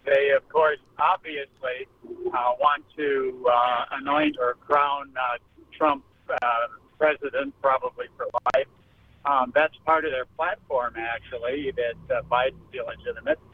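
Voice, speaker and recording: A man's voice: medium pitch, big pitch swings, a little slow, slight background noise. A man calling in to a radio talk show, rambling with lots of fillers about political news. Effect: phone line. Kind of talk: call-in political comment. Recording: tinny distant phone line.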